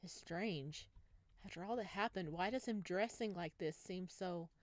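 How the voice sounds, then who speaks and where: A woman's voice: on the low side, a little slow, no echo. A woman let's player reading visual novel narration aloud and breaking off into casual commentary. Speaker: let's play streamer. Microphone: wearing headphones.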